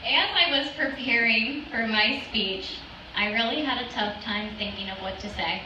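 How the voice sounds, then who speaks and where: A woman's voice: a little high, moderate pace, far from the mic, dull audio, background noise. Echoey young woman giving a wedding toast. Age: young adult. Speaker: matron of honor. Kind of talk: wedding toast speech, partly read from notes. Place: open-sided wedding reception tent. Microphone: stand microphone through PA, filmed by audience phone. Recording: echoey PA heard from off, faint music.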